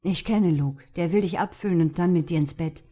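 A woman's voice: on the low side, brisk, dark tone, close to an everyday voice. A woman voicing a stern, guarded young man who speaks firmly and clipped, in an audiobook reading.

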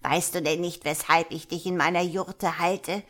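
A woman voicing a bloodthirsty old witch who croaks and shrieks threats, in a storybook reading. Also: deep voice, little pitch movement, slow pace. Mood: shrieking, threatening. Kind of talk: audiobook reading.

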